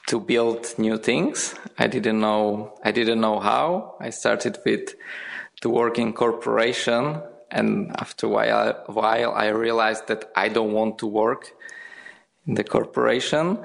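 Slow, gravelly young man from Slovakia. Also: mid-range voice. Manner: hesitant, repeats words. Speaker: guest, founder. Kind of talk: podcast interview.

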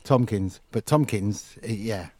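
A man's voice: fairly low pitch, a little slow, a crowd in the background. A man bantering casually as a football podcast panellist.

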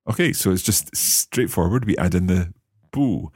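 A man hosting a language lesson podcast, trying out phrases slowly and asking curious questions. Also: sits low, lively intonation, a little mellow, breathy edge, no echo, studio quality. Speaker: language course host.

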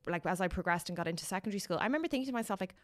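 Irish woman, close dry sound, lowish voice. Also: expressive, rapid-fire, dry recording. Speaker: podcast host. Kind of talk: casual conversation.

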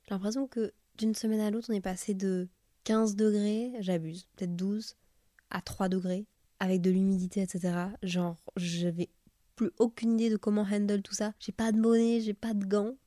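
Young woman w a stuffy nasal sick voice, chatty podcast style, soft mellow tone, drops english slang. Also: mid-range voice, flat delivery, moderate pace, no room sound, studio quality. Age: young adult. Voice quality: nasal, congested voice. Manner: confiding, informal, sprinkles in English slang. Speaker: podcast host. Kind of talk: casual solo podcast chat.

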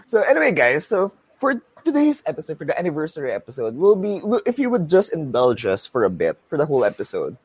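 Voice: mid-range voice, huge pitch swings, quick pace, few pauses, breathy edge, dry recording. A podcast host with a Filipino accent, speaking casually and switching between Tagalog and English.

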